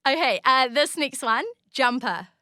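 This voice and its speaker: Bubbly New Zealand woman host, bright voice. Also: high-pitched, expressive, unhurried, no room sound, clean studio sound. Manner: bubbly, giggly, playful. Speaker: radio host. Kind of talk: casual interview chat.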